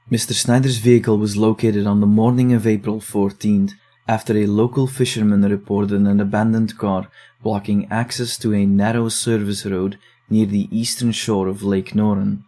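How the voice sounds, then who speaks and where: In an audio drama, a man plays a reluctant young investigator who reads eerie case files aloud and then argues warily with a friend. His fairly low voice is mellow and lightly acted. He comes across as hesitant and guarded, turning exasperated in the banter.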